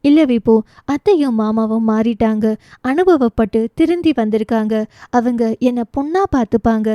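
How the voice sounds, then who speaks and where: A woman's voice: fairly high pitch, normal speed, dry recording, lo-fi sound, lightly acted. A woman voicing a teasing, resolute young woman who is a loyal friend, in a romance audio novel. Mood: earnest.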